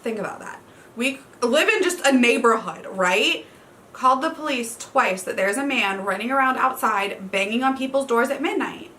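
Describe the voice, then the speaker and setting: With a fairly high pitch, lively intonation and a moderate pace, this woman's bright, forceful voice carries her book vlog. Her book tag chat is loose and talkative, peppered with swearing, frequent laughs and "y'all."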